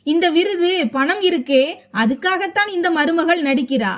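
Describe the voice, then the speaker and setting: A stubborn, scheming grown daughter presses her case in a sharp, insistent, high voice, as a woman reads her. She pushes hard in a family storybook. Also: lively intonation, normal speed.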